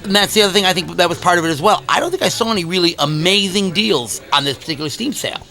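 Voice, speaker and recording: A man's voice: high voice, racing, creaky, pushed and bright. A man co-hosting a gaming podcast, teasing the others. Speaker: podcast co-host. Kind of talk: casual chat.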